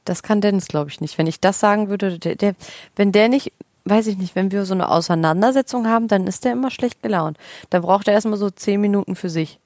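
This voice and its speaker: A woman's voice: medium pitch, fairly quick, darkish tone, dry recording. A woman in casual chat, reacting with short remarks and asking questions.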